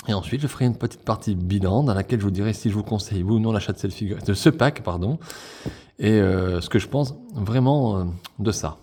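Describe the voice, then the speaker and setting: A man chatting enthusiastically through a toy unboxing review, full of fillers and quick self-corrections. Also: fairly low pitch, mellow. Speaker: toy collector reviewing a figure pack.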